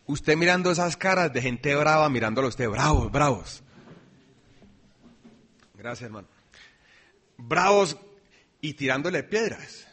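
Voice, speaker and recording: Animated preacher man. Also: on the high side, measured pace, long pauses, breathy edge. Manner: animated, swings from loud emphasis to quiet asides. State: dry throat, coughing. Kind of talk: sermon.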